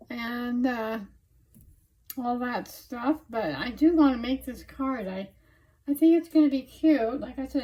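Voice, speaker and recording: A woman's voice: high-pitched, a little mellow, low-quality recording. A woman hosting a casual, chatty craft tutorial, talking without her teeth in, so her words come out a little slurred, in a homely, rambling way. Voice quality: toothless, slightly slurred articulation. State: recovering from surgery affecting her speech.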